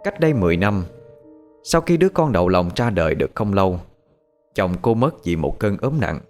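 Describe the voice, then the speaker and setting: Low-voiced man telling a horror story. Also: big pitch swings, fairly quick, darkish tone. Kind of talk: scripted horror story narration. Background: faint music.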